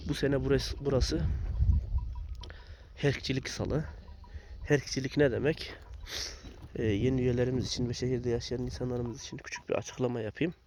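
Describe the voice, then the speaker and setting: A man talks casually to viewers in a mid-pitched voice that is slightly hoarse from a cold. He explains things plainly, like a herder vlogging from open pasture, with clear outdoor noise and livestock behind him. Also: fairly even intonation, normal speed, pauses often, a little mellow. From Turkey, a village in Tokat province. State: sick with sore throat and phlegm, slightly hoarse. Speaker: goat herder and video blogger. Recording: noisy outdoor recording with livestock sounds. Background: goats and animal sounds, outdoor noise.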